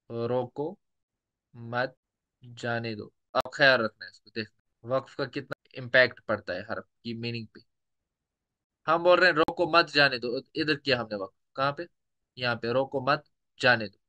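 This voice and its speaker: A man teaching a tajweed lesson, patiently explaining rules and repeating example words slowly. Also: mid-range voice, sharp tone. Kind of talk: lecture with recited examples.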